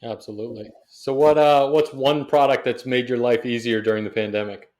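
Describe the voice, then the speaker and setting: Podcast host guy, mid pitch, short questions. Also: steady tone, fairly quick, darkish tone. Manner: brief, prompting questions. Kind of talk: interview questions.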